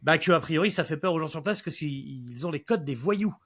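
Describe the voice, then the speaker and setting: A man's voice: on the high side, animated, noisy background. A man co-hosting a casual music podcast, sarcastic and teasing. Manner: fast, sarcastic banter. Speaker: podcast co-host. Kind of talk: casual music review chat.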